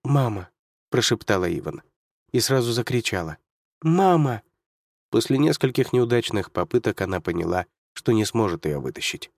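A man's voice: on the low side, expressive, brisk, vocal fry, dry recording, clean studio sound. A man reading a story aloud in dramatic scripted narration.

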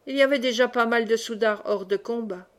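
A woman reading a novel aloud in steady, clear narration. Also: fairly high pitch, fairly quick. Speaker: audiobook reader. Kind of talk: scripted narration.

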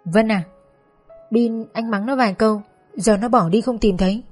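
A woman's voice: fairly high pitch, moderate pace, darkish tone, husky, faint music behind. A woman voicing an anxious ex-husband and father, speaking in a troubled, explaining way.

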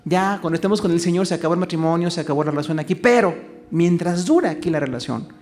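A man's voice: fairly high pitch, quick pace, a little mellow. A man with a Mexican Spanish accent preaching a conversational sermon, full of rhetorical questions and acted-out quotes. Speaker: pastor.

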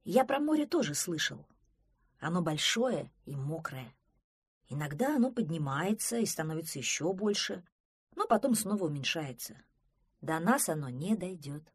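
A steady, sure male creature from a children's tale, speaking firmly, as a woman acts him out. The voice is husky and dry. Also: sits low, normal speed, dry recording, full character voice. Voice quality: firm.

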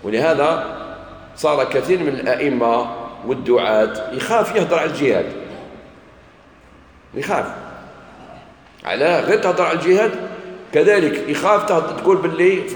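A man preaching in an Algerian Arabic accent, his fairly high voice swinging widely as he acts out both sides of a dialogue. The sermon sounds like it was recorded in a large echoing hall with a long reverb tail. A faint background hiss sits under his voice. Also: normal speed, long pauses. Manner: animated storytelling, acts out dialogues. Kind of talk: sermon lecture.

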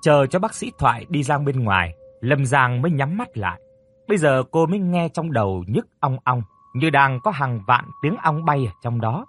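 A man narrating a story in a steady, even storytelling manner. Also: medium pitch, normal speed, slight background noise. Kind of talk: audiobook story reading.

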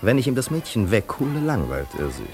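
A fussy, anxious rich host. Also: male voice, medium pitch, big pitch swings, brisk, darkish tone. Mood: fretful. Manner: fretful and pedantic.

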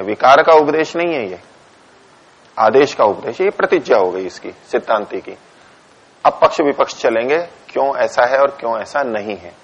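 Here a gravelly, slightly rough male voice of medium pitch leads a philosophy class, reading out Sanskrit verses and unpacking each in Hindi. He dictates punctuation and poses his own questions to the room before answering them. The recording has a dull, lo-fi lecture quality.

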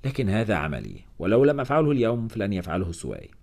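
A man narrating a first-person novel in an expressive storytelling manner, with wry asides. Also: on the low side, racing. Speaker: audiobook narrator.

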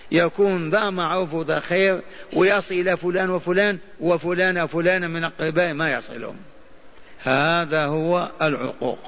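Older man, Islamic lesson, gravelly voice, lo-fi muffled recording. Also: high-pitched, a bit bright. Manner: asks the listeners questions and answers them. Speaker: Islamic scholar teaching hadith. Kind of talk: mosque lesson. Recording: dull lo-fi archive recording.

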